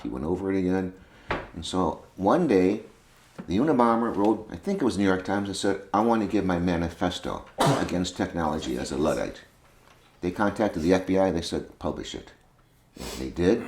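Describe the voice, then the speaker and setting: A man's voice: low-pitched, darkish tone. A man giving an informal, conversational lecture to a group of veterinary students. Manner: folksy, conversational, repeats points. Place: conference room with students. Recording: echoey room with faint ambience.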